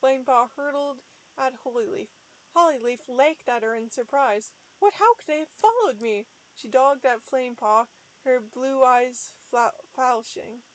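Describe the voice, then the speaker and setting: A woman's voice: a little high, steady tone, measured pace, rough recording. A woman streamer doing a mock-dramatic reading, breaking off for wry, joking asides to her chat.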